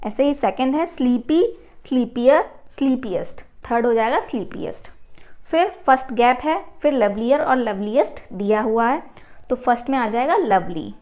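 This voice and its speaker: A woman's voice: on the high side, expressive, a little mellow. Woman teacher patiently explaining a lesson. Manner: explains patiently, reads English text slowly and clearly.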